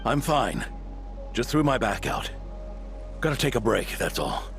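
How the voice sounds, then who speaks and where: A man's voice: medium pitch, very animated, unhurried, vocal fry, a bit bright, faint music behind, exaggerated voice. A man voicing an aging, caring knight in a video game, weary and strained as if nursing sore muscles. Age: middle-aged.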